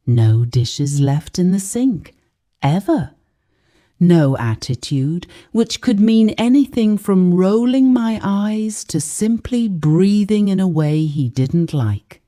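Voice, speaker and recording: A woman reads a dramatic first-person story aloud, slow and hushed. Her voice is very dark and mellow, lowish in pitch, yet rises and falls expressively. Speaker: narrator. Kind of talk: scripted storybook narration.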